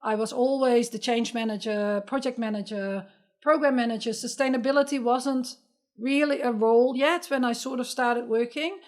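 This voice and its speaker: A woman's voice: on the high side, moderate pace. Dutch-accented woman telling her story. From Netherlands. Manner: earnest, reflective, with light laughs and restarts. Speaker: podcast guest, sustainability entrepreneur. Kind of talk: conversational interview storytelling.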